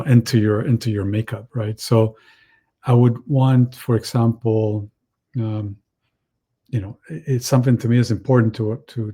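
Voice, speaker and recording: A man who grew up in Chile, speaking as a panel guest in a halting way, with many restarts and fillers. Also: on the low side, warm tone, breathy edge. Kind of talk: panel discussion.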